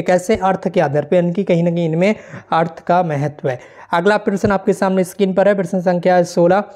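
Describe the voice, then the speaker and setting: A steady exam-prep teacher going through model answers one question at a time. The voice sits at a middle pitch and moves along in an even, explanatory way. It keeps pausing to check in with the listener before moving to the next point. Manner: explanatory, reads questions aloud and checks in with frequent "theek hai".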